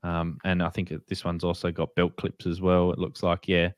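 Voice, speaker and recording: This man's deep voice is completely flat, delivered at a moderate pace in clean studio sound without any room noise. With an Australian or New Zealand accent, he chats informally as a radio hobby show co-host, explaining products to beginners.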